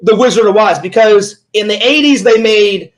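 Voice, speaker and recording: A man hosting a casual chat, an excitable, rambling storyteller who keeps retelling what he said. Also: sits high, moderate pace, rough recording. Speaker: host.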